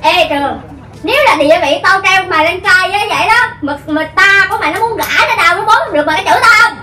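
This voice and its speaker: A sharp-tongued woman with a Southern Vietnamese accent, swearing and talking back in a casual argument. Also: very high-pitched, quick pace. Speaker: vlog co-star. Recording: roomy distant mic with clear background noise.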